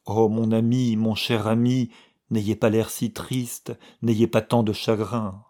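A man's voice: on the low side, level tone, mellow. A man reading as a tearful young woman. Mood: sorrowful. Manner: pleading, sorrowful, slow delivery.

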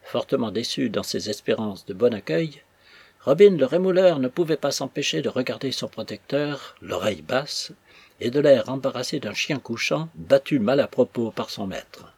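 Husky male audiobook narrator. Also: mid-range voice, lively intonation, a little mellow, dry recording. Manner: measured, literary storytelling. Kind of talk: audiobook reading of a classic novel.

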